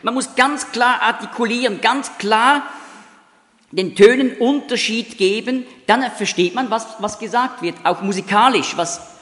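A man's voice: very high voice, unhurried, fairly bright tone, in a large hall. A man preaching a sermon and explaining scripture verse by verse, sometimes demonstrating sounds to make a point.

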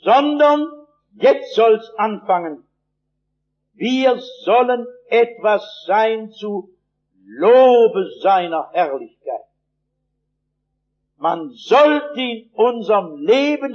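High-voiced man preaching a sermon. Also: dull audio. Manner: vivid storytelling, emphatic, with dry humor.

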